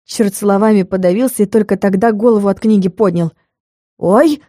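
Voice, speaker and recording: A woman narrating a first-person fantasy audiobook in a lively, expressive storytelling manner. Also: mid-range voice, quick pace, dry recording, studio quality.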